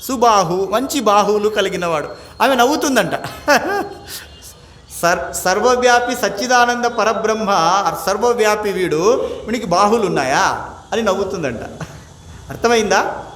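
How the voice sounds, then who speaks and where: Man, swami, spiritual discourse, high voice, rhetorical questions, chanted verses, echoey room. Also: normal speed, a bit bright. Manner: mixes English words into his talk. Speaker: swami teaching the Gita. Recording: echoey room, faint background noise.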